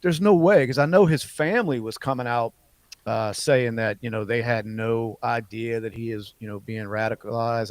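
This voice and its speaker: Sex: man. Role: podcast host. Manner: rambling, filler-heavy. Pitch: medium. Room: dry. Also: dry recording. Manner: rambling, full of "you know" fillers. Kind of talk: casual chat.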